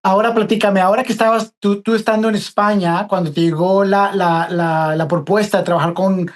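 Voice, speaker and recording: A man's voice: high voice, steady tone, brisk. A man with a Mexican accent hosting an interview, chatty and repeating himself as he builds each question. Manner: chatty, warm slang, repeats words as he asks. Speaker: interviewer, host.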